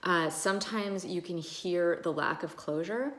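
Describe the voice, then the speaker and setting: A woman's voice: lowish voice, unhurried, a bit bright. A woman ENT doctor explaining casually, with many fillers, who sometimes demonstrates how voices sound. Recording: echoey room.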